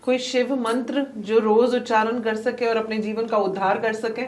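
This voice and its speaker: A woman's voice: on the high side, level tone, moderate pace, a little mellow, roomy sound. A woman hosting an interview who asks curious questions and often affirms her guest. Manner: inquisitive, with frequent affirming backchannels. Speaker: interviewer host.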